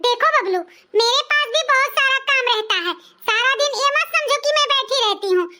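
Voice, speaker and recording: A woman's voice: very high voice, normal speed, noisy background. A woman voicing a petulant young wife with a whiny, defensive way of talking.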